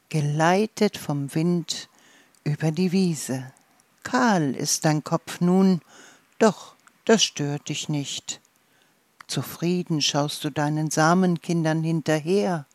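A storyteller reading a calm guided fantasy journey and fairy tale in a soft, soothing manner. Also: mid-range voice, no room sound.

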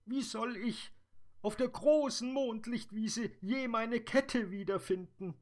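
A man voicing a tearful female dream fairy in a high, lamenting storybook voice. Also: takes it slowly.

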